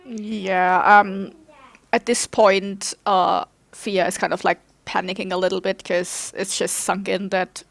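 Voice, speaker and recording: A woman's voice: mid-range voice, level tone, measured pace, creaky. A woman playing a tabletop role-playing game, casually and tentatively describing what her character does. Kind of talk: casual role-play chat.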